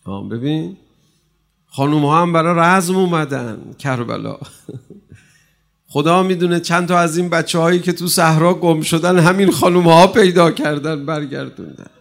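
Gravelly impassioned male preacher. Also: on the high side. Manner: impassioned, rising and falling emphasis. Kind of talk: religious sermon.

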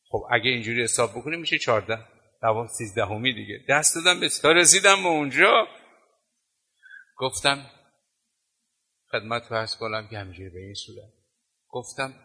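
A man with a sharp, mid-range voice preaches a sermon full of stories, taking long pauses and hammering home his points with emphatic, rhythmic repetition. The long reverb of a hall surrounds his voice.

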